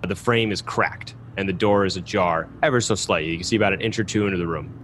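A man's voice: deep voice, fast, a bit bright, a little hiss or hum. A man narrating a tabletop game as game master in an easygoing, descriptive way. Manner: easygoing, descriptive, with light laughs.

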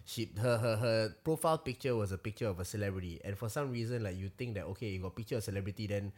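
A man's voice: lowish voice, quick pace, a little mellow. A man in his thirties with a Singaporean accent, chatting casually and jokingly in colloquial Singlish as a podcast host. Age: 30s. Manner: colloquial Singlish with particles like lah and ah.

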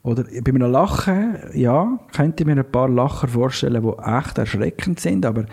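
Swiss german guy on a podcast, gravelly voice, jokey and playful. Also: medium pitch, lively intonation, normal speed, a little mellow. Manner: joking, playful, mock-meditative. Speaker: podcast co-host. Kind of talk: casual chat.

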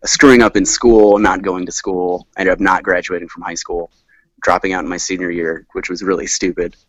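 An American man in his thirties from rural southern Maryland chats casually as a podcast guest; he is a touring musician and recording engineer. His deep voice is a bit bright, slightly fast, and fairly flat in pitch as he rambles with self-deprecation. The low-quality recording has no room sound.

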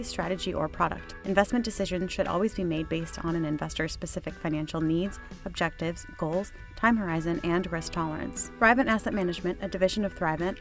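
A woman with a slightly low voice reads a scripted legal disclaimer at a very fast clip. She works as the announcer for the fine print, with music behind her.

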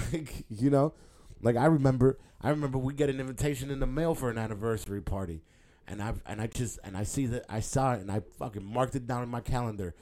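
A man's voice: mid-range voice, quick pace, warm tone. Laid-back rambling man on a podcast. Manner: rambling, loose, heavy filler and profanity. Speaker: stand-up comedian and podcast host. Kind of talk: casual podcast monologue.

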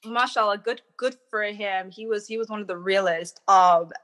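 A young woman talks as an interview guest in an easy, chatty way. She tells her stories with animation and acts out the quotes in them. Her voice sits in a middle pitch. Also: normal speed, fairly bright tone. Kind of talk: casual interview chat.

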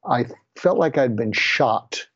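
A man's voice: medium pitch, lively intonation, slow, a bit bright, no echo, highs cut off. An older man from the area tells his own story earnestly and reflectively as an interview guest. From Boston area, USA. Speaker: guest, physician.

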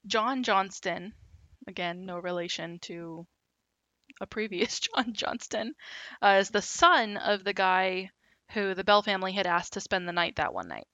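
Bright-voiced woman telling a story. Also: medium pitch, unhurried, dry recording, dull audio. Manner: relaxed, with many fillers and asides. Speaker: podcast host telling a story. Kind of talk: casual storytelling chat.

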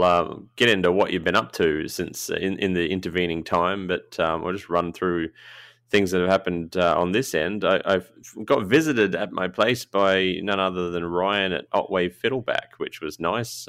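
A man's voice: low-pitched, fairly even intonation, normal speed, a bit bright, clean tone, no room sound. A man hosting a podcast, chatting casually with frequent laughs and filler words. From Australia. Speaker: podcast host, knifemaker.

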